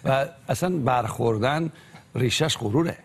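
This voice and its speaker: Earnest young man with a gravelly voice. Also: medium pitch. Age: 20s. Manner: earnest, hesitant with fillers.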